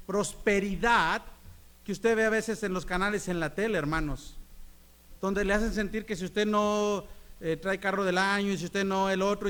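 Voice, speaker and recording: A middle-aged man preaching a sermon as pastor, asking the congregation questions and answering them, swinging between loud emphatic peaks and soft asides. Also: high voice.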